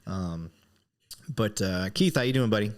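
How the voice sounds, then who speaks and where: A man's voice: fairly low pitch, animated, unhurried. A man hosting a podcast in an informal, joking, self-deprecating way. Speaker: podcast host. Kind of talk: casual chat, informal hosting.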